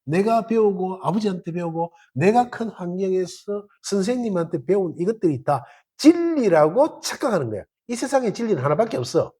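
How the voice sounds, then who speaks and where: Gyeongsang dharma teacher, husky, highly animated pitch, colloquial temple-hall talk. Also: fairly quick, few pauses. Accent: Gyeongsang Korean. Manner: colloquial, acts out little dialogues.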